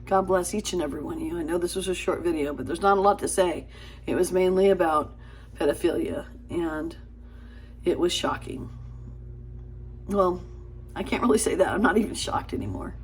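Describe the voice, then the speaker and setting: A woman hosting her own small channel, talking earnestly to camera in a casual, halting way, tripping over her words with fillers and restarts. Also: on the low side, slight background noise. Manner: earnest, pleading.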